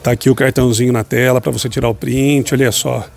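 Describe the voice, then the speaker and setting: Speaking quickly at a medium pitch, this man has a darkish, fry-tinged voice with little pitch movement. He walks a busy outdoor night street market filming on a handheld phone, chatting with vendors and cheerfully addressing his viewers as "gente."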